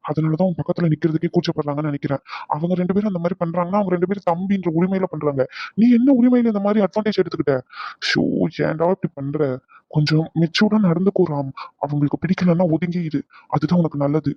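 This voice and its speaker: A man's voice: a little high, quick pace, no echo, natural voice. A man voicing a talkative young man who lectures, gets defensive and keeps hesitating with "ah"s. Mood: musing. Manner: chatty, defensive, lots of hesitant "ah"s. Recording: dull dry lo-fi.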